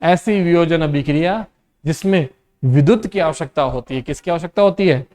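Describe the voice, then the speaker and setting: A man with a Rajasthani Hindi accent teaches a classroom lesson, dictating definitions slowly. He keeps firing questions at the students, calls them "beta" and answers his own questions. His voice sits somewhat high for a man. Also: darkish tone.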